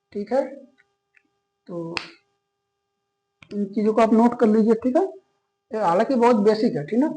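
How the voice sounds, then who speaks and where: A man's voice: high voice, darkish tone, low-quality recording. A man teaching a maths lesson, explaining step by step in a patient way, often stopping to check that students are following and mixing English maths terms into his sentences. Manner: patient, checks in constantly with "okay?". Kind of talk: classroom lecture.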